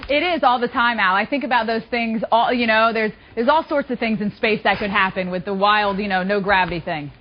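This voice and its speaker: A woman's voice: medium pitch, fairly even intonation, fairly quick, hardly any pauses, a little hiss or hum. A woman giving a cheerful, chatty weather forecast on a morning TV show, joking with the host. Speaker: meteorologist co-host. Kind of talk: bubbly weather forecast with banter. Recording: dull lo-fi TV broadcast audio.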